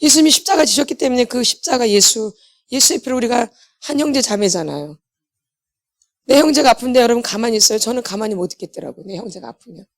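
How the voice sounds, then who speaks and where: A woman's voice: a little high, expressive, quick pace. A middle-aged woman preaching a sermon in an emphatic, blunt manner. She asks the audience questions and answers them herself, and she often repeats herself. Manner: blunt and self-deprecating. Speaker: pastor's wife and healing ministry lecturer.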